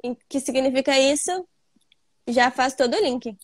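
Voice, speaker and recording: A woman student answers questions in a casual interview. Her voice sits a little high, and she stumbles and repeats words before speaking with conviction. The sound is dry and close. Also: moderate pace, no echo.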